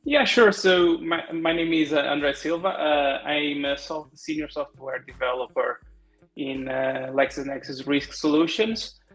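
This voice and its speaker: A man's voice: fairly high pitch, fairly bright tone, faint music behind. Portuguese-accented man, roomy video call. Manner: halting, many restarts and fillers. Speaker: guest software developer. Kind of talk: casual interview over video call.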